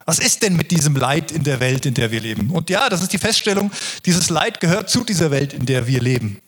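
A man's voice: a little high, expressive, a little fast, a bit bright, slightly rough. A man preaching a sermon in an earnest, reflective way, often restarting his sentences.

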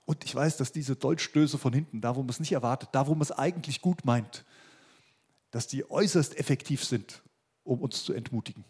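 A man's voice: medium pitch, brisk, a little mellow, breathy edge. A man preaching a sermon as pastor, emphatic and repeating his key phrases.

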